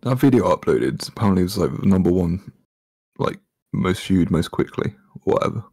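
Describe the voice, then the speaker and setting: A man's voice: low voice, sing-song, moderate pace, dark tone, no room sound, clean studio sound. A man in casual chat, with a laddish, sweary, bantering way of talking.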